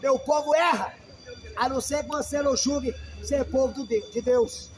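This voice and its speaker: A man's voice: very high voice, normal speed, background noise. A man, a pastor, preaching a sermon emphatically and calling out questions to his listeners.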